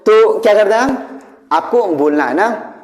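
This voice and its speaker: A man from India gives a casual English lesson with a high voice. He explains patiently with everyday examples and keeps checking in with his listeners. The voice rings around an echoey room with a long tail of reverb. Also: lively intonation, a little slow. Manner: explains with homely examples and repeated "theek hai". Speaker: English teacher.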